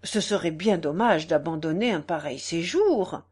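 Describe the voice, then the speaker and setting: A woman reading the lines of an earnest male gendarmerie lieutenant in a storybook, in her own lively voice. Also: lowish voice, moderate pace, breathy edge, voice pushed down.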